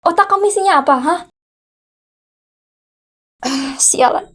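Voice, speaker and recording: A woman acting out a wealthy, unmarried aunt who runs her own company, heard in an ASMR role-play. She scolds in a high voice, firing sarcastic questions and sharp challenges at the teenager she looks after. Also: a little slow. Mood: scolding. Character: furious rich unmarried aunt, CEO, scolding teen. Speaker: VTuber role-play creator.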